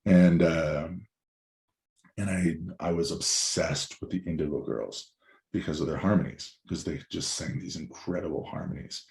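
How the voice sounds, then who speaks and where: A musician guest in his forties speaks in a very deep, slightly mellow, raspy and hoarse voice at a normal pace. His casual chat is loose and rambling, peppered with swearing.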